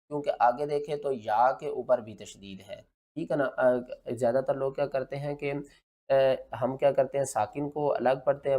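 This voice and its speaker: A man teaching Quran recitation with a mid-range voice. He names each letter and vowel, then blends them slowly into a drawn-out chant. Between verses he keeps asking the listener what to do next and gives the answer himself. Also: mid-range voice, warm tone. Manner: asks the viewer questions and answers them himself. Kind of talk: step-by-step recitation lesson.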